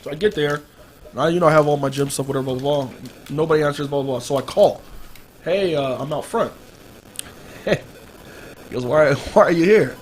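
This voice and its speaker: A man telling a story casually in an animated way, acting out dialogue with slang and swearing. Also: a little high, moderate pace, pauses often. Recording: noisy podcast mic with background ambience.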